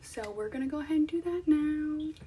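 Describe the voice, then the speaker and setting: A woman's voice: high-pitched, lively intonation, brisk, warm tone, distant mic, a little hiss or hum. A young woman talking casually to viewers in an informal, conversational vlog style. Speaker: vlogger. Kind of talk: casual chatty vlog to camera.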